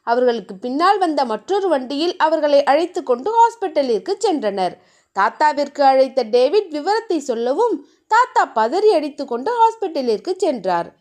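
A woman narrating a serialized romance novel in a steady storytelling manner. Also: high-pitched.

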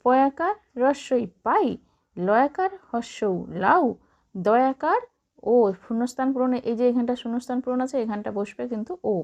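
Woman spelling slowly for children. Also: fairly high pitch, darkish tone. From Bengal. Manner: slow, drawn-out letter-by-letter spelling with encouraging asides. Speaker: teacher.

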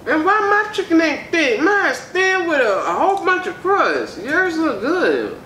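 A woman reviewing a chicken sandwich in casual chat, talking with her mouth full of chicken, animated and chatty toward viewers. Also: very high-pitched, unhurried, reverberant, recorded from a distance, slight background noise. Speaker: food reviewer.

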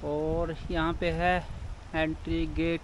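A man in his thirties with a high, bright voice narrates a casual motorcycle vlog, chatty and excited as he speaks to his viewers. He is recorded outdoors on an action camera mic. Road and wind noise stay clearly audible behind him. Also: slow pace. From India. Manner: chatty and excited, talking to viewers while riding. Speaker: motorcycle vlogger. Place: outdoors on a mountain road and in a park. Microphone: helmet or action camera mic.

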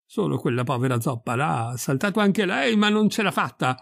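A man's voice: fairly high pitch, brisk, creaky, a bit bright, dry recording. A man voicing a cunning young farmhand who plays tricks, in a sly, innocent-sounding way.

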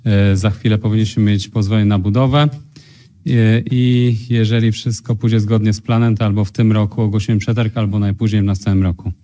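Guy at the council pulpit mic, low mellow voice, lots of "e" pauses. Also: little pitch movement. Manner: measured, with frequent "e" hesitations. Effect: speaking at a pulpit microphone. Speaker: hospital company president. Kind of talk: formal report to a city council. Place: council chamber. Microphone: pulpit microphone.

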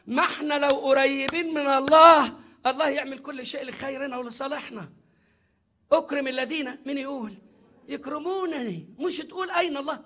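Middle-aged Egyptian preacher, very high and bright voice, emphatic and often shouting at the congregation. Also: male voice. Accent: Egyptian Arabic. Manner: emphatic, often shouting, addressing viewers directly. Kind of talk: sermon.

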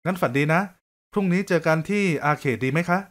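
A man's voice: on the high side, fast talker, a bit bright, lightly acted. A man voicing a pretty, kind and curious young woman in a cartoon story, speaking politely in a raised voice. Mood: sweet.

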